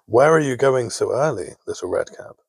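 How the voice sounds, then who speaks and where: A man putting on a sly, hungry wolf with a low gravelly rasp. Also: lively intonation, normal speed, dry recording. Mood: coaxing.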